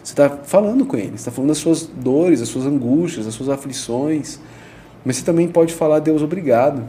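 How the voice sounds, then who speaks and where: A man, a pastor explaining in a relaxed conversational way, using everyday examples and frequent tag questions. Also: on the high side, a little fast, slight background noise. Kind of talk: conversational teaching on prayer.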